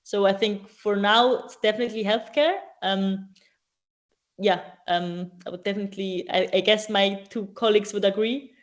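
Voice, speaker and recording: A woman answering questions at a student AI event, talking casually and often pausing with ums and restarting her sentences. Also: medium pitch, fairly even intonation, highs cut off. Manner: hesitant, many ums and restarts.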